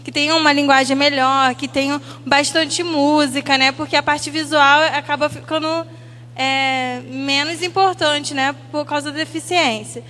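A woman teacher walks through her class projects with frequent pauses and self-corrections. Her voice sits high and bright, and a long hall reverb trails her words. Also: steady tone. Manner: hesitant, many fillers and restarts, reading from notes. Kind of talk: presentation of school activities.

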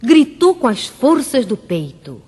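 Slow sing-song woman storyteller. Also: sits high, big pitch swings, darkish tone, slightly rough, long reverb tail. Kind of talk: rhymed children's storytelling on radio.

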